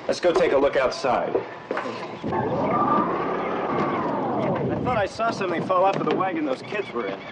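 An actor playing a calm, decisive crew captain in a 1970s TV adventure drama, earnest and commanding. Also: male voice, a little high, fast, very noisy. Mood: concerned. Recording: loud music under dated TV soundtrack.

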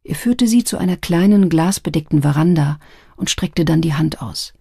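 A woman narrating an audiobook in calm, scripted storytelling. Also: low voice, moderate pace, gravelly, breathy edge, dry recording. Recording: dry close studio sound.

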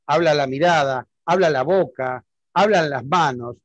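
Speaking a little slowly in a fairly high voice, this man with an Argentine accent walks an online student through public speaking step by step. He frequently makes sure he's understood, and the audio has no echo.

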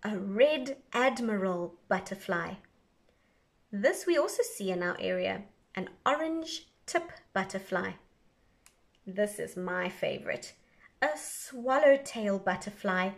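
Reading an educational book aloud for young children, a woman teacher speaks in a measured, instructional way and enunciates carefully. Her voice is mid-range and expressive.

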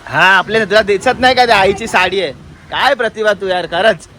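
A man vlogging outdoors in a village in the rain, talking chattily and excitedly to his viewers and calling out to family members. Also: high-pitched, brisk, rough recording. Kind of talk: casual vlog narration to viewers. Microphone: handheld phone. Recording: loud rain noise outdoors.

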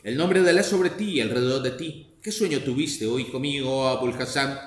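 A man voicing a pious old mother who pleads slowly and laments, in a storybook reading. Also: medium pitch, lightly acted. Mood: pleading. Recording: echoey room with faint noise.

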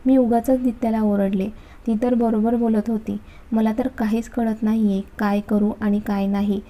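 A woman's voice: fairly high pitch, little pitch movement, moderate pace, dark tone, lightly acted, low-quality recording. A woman voicing an anxious middle-aged mother who talks hesitantly. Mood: worried.

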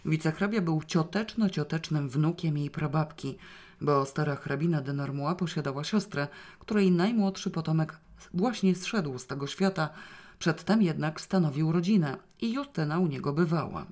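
Audiobook reader, even storytelling pace, middle pitch. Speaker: audiobook narrator. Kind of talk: scripted narration.

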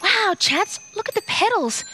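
A woman presenting a children's TV show, bubbly and sing-song, talking slowly to young children. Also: extremely high pitch, lively intonation, pushed and bright.

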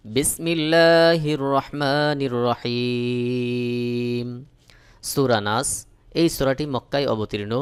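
A man from Bangladesh teaching Quran reading, spelling out letters and reciting verses in slow, drawn-out melodic chant between plain explanations. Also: mid-range voice, smooth.

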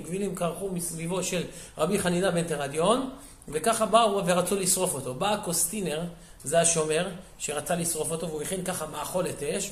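A male rabbi narrates sermon stories with animated energy and acts out the characters' dialogue. His voice sits high for a man. The recording has a noticeable room echo. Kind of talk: sermon storytelling. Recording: echoey room.

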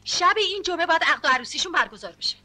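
A woman's voice: very high voice, lively intonation, bright, forceful tone, full character voice. An actress playing a domineering middle-aged wife and mother in a dubbed 1970s film, scolding and insistent. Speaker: scheming mother pushing her daughter's marriage.

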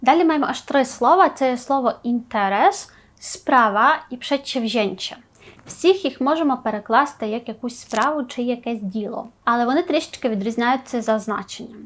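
High-voiced woman teaching language. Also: moderate pace. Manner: explains words, then gives example sentences with translations; often checks in with a questioning "tak?". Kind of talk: online language lesson.

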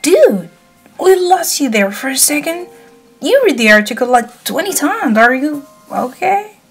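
A woman's voice: high-pitched, sing-song, measured pace, faint music behind, pitched above the performer's own voice, exaggerated voice. A woman voicing a friendly, laid-back young male hero who talks in casual slang. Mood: worried.

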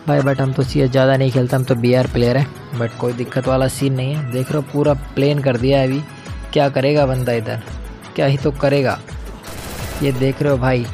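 A man's voice: mid-range voice, mellow. Chatty young man narrating gameplay. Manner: chatty, slangy, keeps calling viewers brother. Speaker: gaming channel host. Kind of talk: casual gameplay commentary.

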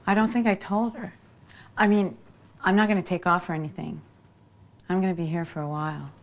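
A woman's voice: on the low side, fairly even intonation, a little fast, close to an everyday voice. An actress playing a frank, sardonic young woman visiting an apartment, in film dialogue.

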